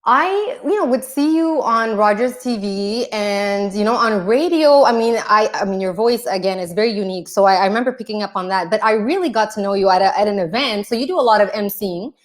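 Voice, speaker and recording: A woman's voice: medium pitch, lively intonation, brisk, few pauses. A woman hosting a casual interview, enthusiastic, with many "you know" fillers. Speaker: interviewer host.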